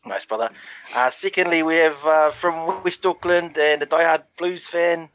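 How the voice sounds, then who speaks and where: A man hosting a casual rugby podcast in a matey, relaxed way. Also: on the high side, moderate pace, clean tone. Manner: relaxed, matey, calls guests brother. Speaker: podcast host. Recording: dull lo-fi audio.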